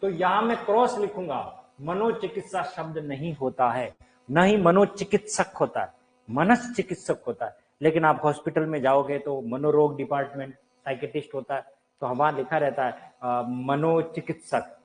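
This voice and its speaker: Soft background music plays as a man teaches Hindi grammar live online in a room with a board, talking straight to his viewers. With a voice on the high side at normal speed, he quizzes them and answers his own questions, and the recording is rough.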